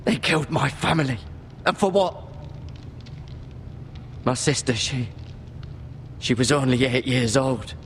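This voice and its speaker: A man's voice: mid-range voice, unhurried, pauses often, a little hiss or hum, natural voice. An actor playing a young male squire in a video game, earnest and grim. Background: game music.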